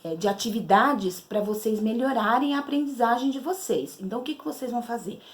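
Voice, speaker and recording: A woman's voice: fairly high pitch, fairly quick. A woman teacher with a Brazilian Portuguese accent, patiently explaining syllables to children step by step. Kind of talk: literacy lesson to children.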